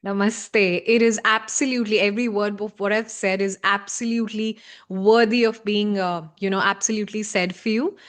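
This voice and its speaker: A woman's voice: medium pitch, steady tone, normal speed, few pauses. A woman with an Indian accent hosting a conversational interview, encouraging her guest and feeling her way through her phrasing. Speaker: interviewer, host.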